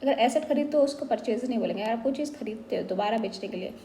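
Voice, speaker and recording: A woman teaches basic accounting, going term by term and slipping into English phrases as she explains. Her voice sits a little high and sounds mellow. It carries a roomy echo over a faint hum of ambience. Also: fast talker. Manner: explanatory, slips between Hindi and English. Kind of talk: explaining accounting terms in a lesson.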